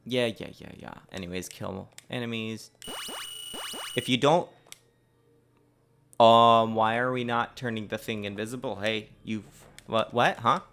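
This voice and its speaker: A man's voice: on the low side, fairly even intonation, a little slow, long pauses, a bit bright, a little hiss or hum. A man developing a game on a livestream, rambling with lots of fillers and swearing at his code. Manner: swears and blurts confused exclamations. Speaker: indie game developer streaming. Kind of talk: casual livestream chat while coding.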